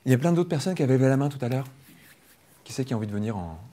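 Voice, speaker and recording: A man leading a public hypnosis demonstration, explaining quickly and playfully to a live audience. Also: medium pitch, animated, dark tone. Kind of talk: lively teaching talk to a live audience. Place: training room with an audience.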